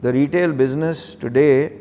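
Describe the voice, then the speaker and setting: A middle-aged banker from Karachi, Pakistan, speaks with a Pakistani accent as an interview guest, reflecting on and telling his story conversationally with occasional Urdu phrases. His mid-range voice is warm, with fairly even intonation and a moderate pace. Background music plays, and the sound has a long reverb tail.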